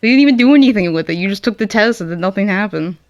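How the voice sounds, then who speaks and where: A woman's voice: medium pitch, lively intonation, racing, no room sound, lo-fi sound. A woman in casual voice-call chat, blunt and teasing, swearing freely.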